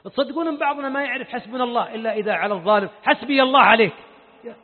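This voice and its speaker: A man preaching a sermon, passionate, dropping to a hush and then rising loud. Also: very high voice, rapid-fire. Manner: impassioned, swings between hushed and loud. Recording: tinny phone-like audio with long hall reverb.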